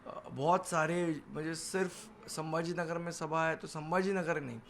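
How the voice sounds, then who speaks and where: This party leader and spokesman has a high, gravelly voice and speaks a little slowly in a steady tone. Fielding TV news interview questions, he stays assertive and defiant and hammers his points through repetition. Background ambience fills the noisy on-location recording.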